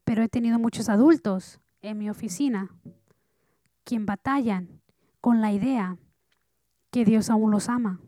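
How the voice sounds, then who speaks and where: A woman pastor preaching a sermon earnestly, dropping soft and then rising loud. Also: on the high side, a little slow, long pauses, dry recording.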